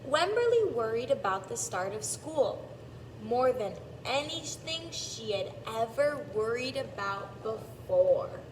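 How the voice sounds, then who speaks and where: A woman reading a storybook aloud to preschoolers in a deliberate teacher's manner, stretching out repeated words and pausing to explain. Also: fairly high pitch, sing-song. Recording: echoey, distant mic, clearly noisy background.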